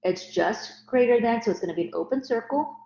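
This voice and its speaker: A woman's voice: fairly high pitch, animated, a little fast, vocal fry, dark tone. A woman teaching math in a recorded lecture, explaining each step. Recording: roomy, dull lo-fi recording.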